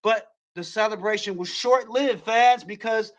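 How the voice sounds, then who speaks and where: A man hosting a wrestling show, recapping a match play by play and building to shouts at the near-falls. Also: high-pitched, unhurried.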